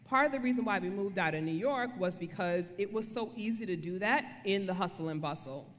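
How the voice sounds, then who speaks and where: A woman's voice: medium pitch, animated, brisk, slight background noise. A woman giving a casual devotional talk on marriage as co-speaker, conversational and playful, often checking for agreement. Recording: reverberant room.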